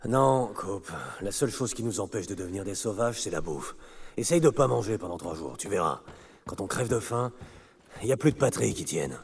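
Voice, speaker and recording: An actor playing a gruff, blunt, sardonic biker survivor with a gravelly voice in a video game. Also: male voice, fairly low pitch, expressive, normal speed. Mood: cynical. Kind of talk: video game acting, radio exchanges. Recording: clear engine and vehicle noise.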